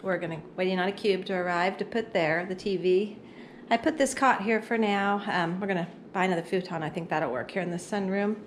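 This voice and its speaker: A woman's voice: lowish voice, a little fast. Middle-aged woman, casual vlog, handheld camera, upbeat, audible background noise. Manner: chatty, upbeat, rambling with ums. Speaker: family vlogger. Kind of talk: casual home-renovation vlog. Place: small lake house, indoors and in the yard. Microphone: handheld camera at arm's length.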